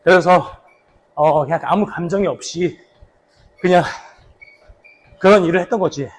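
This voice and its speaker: Male vlogger, slightly high register, a bit raspy, chatting casually and recalling old work as he jogs along. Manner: talking while slow running. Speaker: actor, vlog host. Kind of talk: casual vlog reminiscing about a past drama role.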